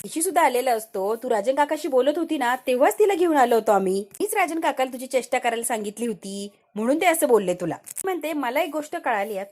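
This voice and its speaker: Woman retelling a serial in lively storytelling. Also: high voice. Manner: voices every character's lines herself in a lively retelling. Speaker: serial recap narrator. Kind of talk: storytelling recap of a TV serial episode.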